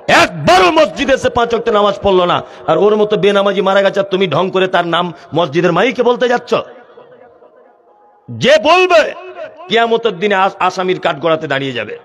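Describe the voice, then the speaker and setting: A man preaching a Bengali waz sermon in a West Bengal accent, fiery, mocking, and rising to shouts. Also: high voice, lively intonation, a little fast.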